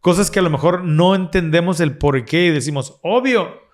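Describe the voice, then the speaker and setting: A man's voice: on the high side, moderate pace. A man co-hosting a casual religious discussion, explaining earnestly and restarting his phrases often. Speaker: podcast co-host.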